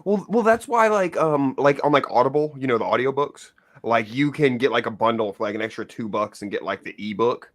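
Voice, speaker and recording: A man's voice: medium pitch, a little fast. A man co-hosting a podcast, rambling through casual chat with lots of fillers. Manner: rambling, animated, filler-heavy. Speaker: podcast co-host.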